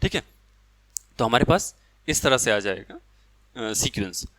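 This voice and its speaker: A man's voice: medium pitch, sing-song, measured pace, a bit bright. Man teaching math step by step. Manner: explains step by step, asking and answering his own questions. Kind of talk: whiteboard math lecture.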